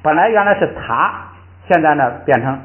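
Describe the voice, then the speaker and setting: An older male teacher explains pronunciation with a lively, swooping voice that rises and falls as he acts out each tone. He sits a little high for a man. The sound is thin and phone-like, with a noticeable room echo around him. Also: moderate pace. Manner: demonstrates tones by drawing out and repeating syllables. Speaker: Tibetan language teacher. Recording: tinny, echoey room sound.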